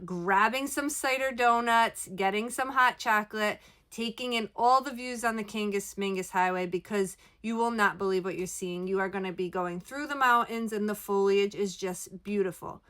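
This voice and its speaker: A woman's voice: mid-range voice, sharp tone, smooth. A woman giving casual travel recommendations, recorded inside an RV. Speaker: travel vlogger. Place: inside a parked RV.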